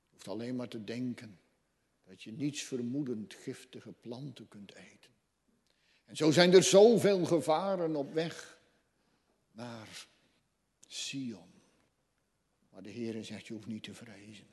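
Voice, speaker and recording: A man preaches a sermon, taking it slowly. He moves between hushed, intimate phrases and sudden raised cries. His voice rings out in a church with a long, trailing reverb. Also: medium pitch. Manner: slow, swings from hushed to loud cries.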